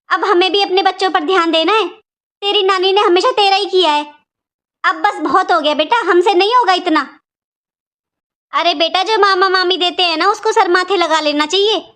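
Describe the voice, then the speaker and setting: A woman's voice: extremely high pitch, fairly bright tone. A woman voicing a stingy, scolding aunt by marriage in a cartoon, with a taunting, complaining manner. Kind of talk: cartoon voice acting.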